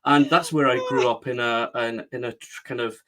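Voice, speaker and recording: Scottish guy on a podcast, middle pitch, emphatic, keeps repeating phrases to hammer a point. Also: steady tone, normal speed, fairly bright tone. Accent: West of Scotland. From Scotland. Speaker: guest, book strategist. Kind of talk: podcast interview.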